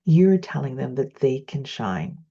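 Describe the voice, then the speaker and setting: Low husky woman, earnest and measured. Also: very animated, warm tone. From Trinidad. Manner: earnest, measured, with slowed emphatic phrases. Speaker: educator. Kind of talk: reflective personal storytelling lesson. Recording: slightly dull lo-fi recording.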